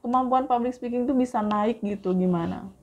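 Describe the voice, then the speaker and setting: A woman's voice: a little high, fairly quick, darkish tone. A woman with an Indonesian accent co-hosting a casual podcast chat, affirming and often chiming in. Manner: affirming, interjects often with short agreements. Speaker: podcast co-host. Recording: dull lo-fi recording.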